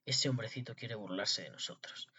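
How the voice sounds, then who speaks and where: A man voicing scared grown male thieves in a storybook, talking low and hushed on a dull lo-fi recording. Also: moderate pace, husky, heavily acted.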